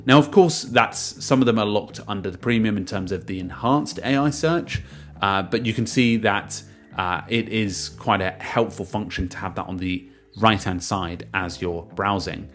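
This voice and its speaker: A man narrates a casual software review as a screen-share voice-over, explaining things step by step in a fairly low voice at a moderate pace. He starts sentences with emphasis and lets them trail off, with faint music behind him.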